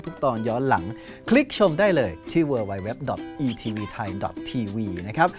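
A man co-hosting a casual language lesson, his pitch swinging up and down in an animated way. He keeps the chat moving with questions and examples, and faint music plays softly underneath. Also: unhurried. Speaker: co-host of an English lesson show.

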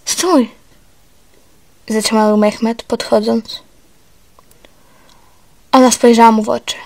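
A woman narrating a homemade historical fan story in an earnest, even reading voice. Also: on the high side, measured pace, vocal fry, poor audio. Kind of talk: read-aloud storytelling.

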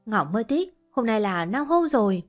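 A woman's voice: a little high, big pitch swings, normal speed, soft background music. A woman voicing a desperate, grieving older mother who pleads through sobs. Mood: wailing. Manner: sobbing, pleading.

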